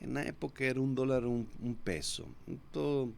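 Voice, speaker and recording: A man in his fifties from Córdoba, Argentina, with a strong Argentine Spanish accent, tells his life story as a podcast guest in a casual storytelling interview. His medium-pitched, creaky voice is unhurried and reflective, and he often restarts with "então."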